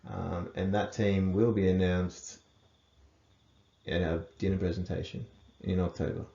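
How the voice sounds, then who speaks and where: A man co-hosting a casual rugby chat, laid-back and quick to agree. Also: deep voice, level tone, gravelly, mellow. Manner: laid-back, agreeable, many short affirmations. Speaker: rugby coach and podcast co-host. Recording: echoey room, dull lo-fi sound.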